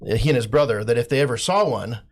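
A man's voice: mid-range voice, animated, fast. A man in a group podcast chat, hesitant and restarting often as he retells a story. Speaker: podcast co-host.

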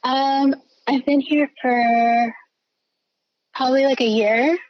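A woman from the Philadelphia area being interviewed about her art from her studio, speaking hesitantly with many fillers and pauses. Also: high-pitched, steady tone, a little hiss or hum. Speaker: guest artist. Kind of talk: casual interview. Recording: dull lo-fi remote line, dry.

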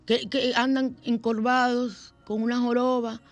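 Una mujer de mediana edad con acento caribeño da consejos en un programa de radio, contando historias con viveza y jugando con las voces. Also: female voice, a little high, measured pace. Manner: lively, animated storytelling with playful voices. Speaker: radio host and counselor. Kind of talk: radio talk and advice. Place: radio studio.

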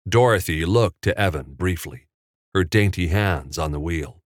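A man narrating an audiobook in a measured, steady storytelling manner on a close studio mic. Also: low voice, no echo.

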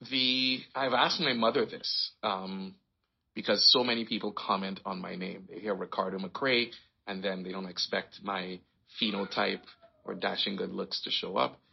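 A man raised in Trinidad and Tobago, telling his life story in a relaxed, rambling way as an interview guest. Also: deep voice, normal speed, creaky, husky, lo-fi sound. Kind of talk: casual conversation.

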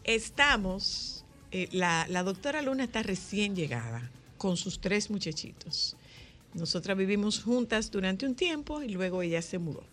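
A woman with a Dominican accent, hosting a casual chat and telling lively stories, acting out the dialogue. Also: mid-range voice, normal speed, faint music behind. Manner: lively storyteller, acts out dialogue.

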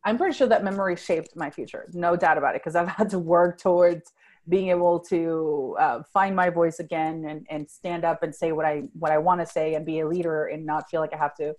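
This Spanish-speaking adult woman from Venezuela uses English as a later-acquired language, her voice deep and darkish, fairly quick, with fairly even intonation. Appearing as a guest in an interview, she recounts her personal story in an earnest, reflective way, frequently starting a thought over and asking "right?".

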